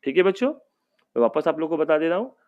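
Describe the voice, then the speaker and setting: A man's voice: a little high, expressive, fast talker, highs cut off. A male teacher giving an online class for young children, speaking patiently, often calling out to the kids and drawing out vowel sounds.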